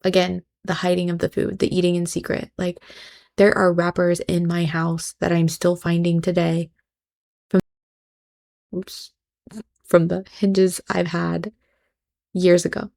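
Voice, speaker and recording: Woman host, low and fry-heavy, sarcastic and judgmental in her reactions. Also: little pitch movement, a little slow, long pauses, darkish tone. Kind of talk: reaction commentary.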